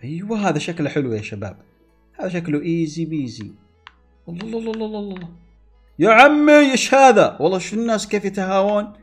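A man giving excitable gameplay commentary, exclaiming and talking to himself and his viewers. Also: sits high, rapid-fire, breathy edge, soft background music. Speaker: gaming YouTuber.

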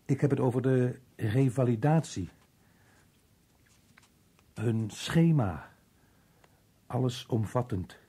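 An actor playing a muddled, evasive working man in an old radio drama, halting and puzzled, with a rough, husky voice. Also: mid-range voice, mellow, exaggerated voice. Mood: rambling, confused. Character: muddled, evasive working-class man, slow to grasp questions.

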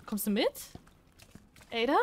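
A woman's voice: a little high, sing-song, a little slow. A woman giving casual let's-play commentary, chatty and jumpy, pleading and squealing when scared. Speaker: gaming streamer.

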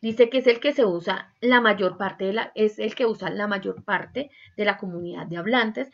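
A woman teacher leads a class in a lively, animated way, acting out everyday phrases and asking the students to confirm they follow. Her voice sits mid-range, and the recording sounds dull and lo-fi. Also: mid-range voice, normal speed, creaky. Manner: lively, acts out examples, asks "¿sí?" and "¿cierto?" often. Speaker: Spanish teacher. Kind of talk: online class lecture.

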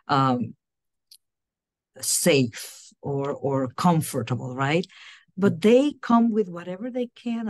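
The guest is a university diversity director, a middle-aged Puerto Rican woman speaking from a small room at home via laptop webcam on a video call. Her fairly low voice is a little mellow, free of room sound, and she answers earnestly, often repeating words as she gropes for the right expression.

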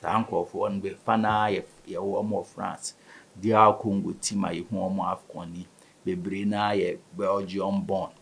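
Here the man's low voice comes out flat and a little slow, creaky yet fairly bright, with a breathy edge. A guest in his thirties with a Ghanaian West African accent, he talks casually in a sports interview, blending Twi with English. A table-mounted studio mic captures him in a small indoor studio.

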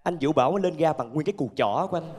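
Male stand-up comic, southern Vietnamese accent, high voice, animated storyteller on handheld mic. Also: very fast, background noise. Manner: animated storytelling with acted-out asides. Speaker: stand-up comedian. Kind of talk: stand-up comedy storytelling to a live audience. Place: theatre stage with laughing audience. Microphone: handheld microphone.

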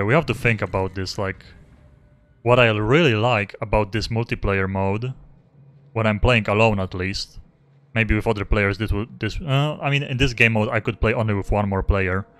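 Lowish-voiced young man streaming a game. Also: a bit bright. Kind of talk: casual live gameplay commentary. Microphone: close desk microphone without pop filter. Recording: faint game music behind.

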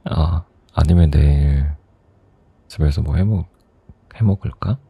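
A young man in a soft, intimate ASMR role-play as a teasing, doting boyfriend, close to the microphone. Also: extremely low pitch, takes it slowly, gravelly, slightly rough, no echo, muffled recording. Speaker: ASMR performer playing a boyfriend.

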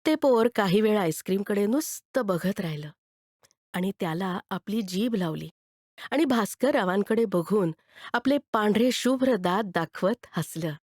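A woman narrating a written story with expressive delivery. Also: medium pitch, a little slow, dry recording, studio quality. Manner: expressive, animated.

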